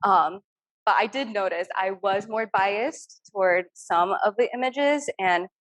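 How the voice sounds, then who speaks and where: A young woman from Turkey, an artist, speaks at a measured pace in a medium-pitched, slightly bright voice. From her home on a video call, she discusses her work casually and earnestly, with frequent ums.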